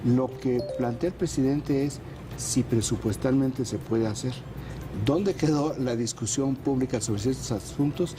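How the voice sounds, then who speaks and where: With music behind him and poor audio quality, a medium-pitched man runs through a news roundup. A political panel show regular, he speaks in a measured, explanatory manner with frequent pauses of hesitation.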